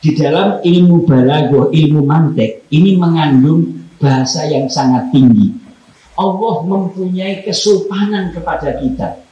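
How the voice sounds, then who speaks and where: A man with a Javanese accent preaching at a religious study gathering. He explains slowly, quotes Arabic verses and acts out everyday family examples. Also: fairly high pitch, dark tone. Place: room at a company religious gathering. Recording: echoey room.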